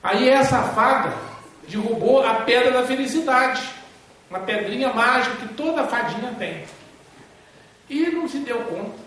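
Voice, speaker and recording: A man's voice: extremely high pitch, expressive, normal speed, a bit bright. A man giving a spiritist lecture, telling a story in a folksy way and checking in with listeners. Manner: folksy, asks listeners along with tag questions. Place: spiritist center hall. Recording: echoey hall from far off.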